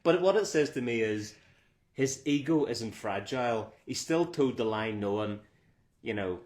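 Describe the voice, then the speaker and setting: Man, podcast co-host, casual chat, joking and animated, average pitch. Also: measured pace. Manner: lively storytelling, jokey. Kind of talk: casual banter.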